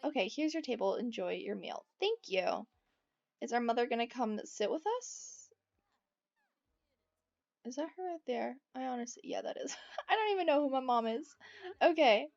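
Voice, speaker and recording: A woman talks her way through a life-sim game in a loose, rambling style, often stopping for asides to her viewers. Her voice sits a little high with a gravelly fry. The recording sounds dull and lo-fi. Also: lively intonation, moderate pace, long pauses, a little mellow. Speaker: let's play gamer. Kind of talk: casual gameplay commentary.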